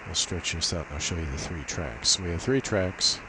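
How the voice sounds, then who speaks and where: This amateur radio operator has a low voice and a brisk pace as he runs through an informal on-screen tech demo. His built-in laptop mic is a cheap one, so a constant hiss sits under everything.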